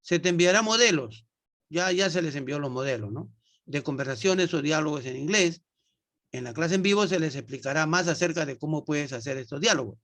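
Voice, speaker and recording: A man's voice: fairly high pitch, expressive, fairly quick, fairly bright tone. A man teaching English to nursing students in an online class, patient and repetitive, often checking that everyone follows. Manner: patient, repeats himself, checks understanding with tag questions.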